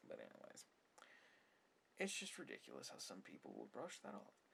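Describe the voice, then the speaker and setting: Low and gravelly yet bright, this man's slightly rough, forceful voice swings hugely in pitch at a moderate pace. He hosts ASMR-style film commentary as a video host, griping emphatically and sarcastically and occasionally easing toward a whisper. There's faint background noise in the recording.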